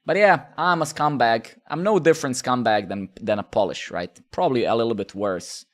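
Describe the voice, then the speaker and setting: Streamer, man, mid-30s, from Serbia, rambling casual chat with swearing and fillers, mid-pitched. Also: moderate pace. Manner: rambling, lots of filler, swears, asks "right?". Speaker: live-coding streamer. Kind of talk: casual chat while coding.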